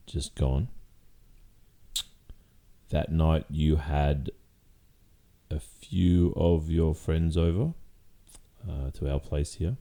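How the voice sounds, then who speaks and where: A man playing a guilty boyfriend in an ASMR role-play, speaking haltingly and carefully with long pauses. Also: rumbling low, warm tone, full character voice. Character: hesitant guilty boyfriend confessing, soft and careful.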